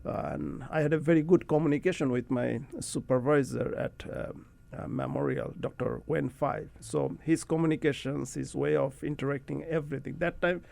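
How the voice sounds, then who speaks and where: A middle-aged man from Bangladesh with a Bangladeshi accent, a guest in a radio studio interview, telling rambling, relaxed stories and often laughing. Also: on the high side, normal speed, creaky. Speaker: guest academic. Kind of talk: casual interview talk.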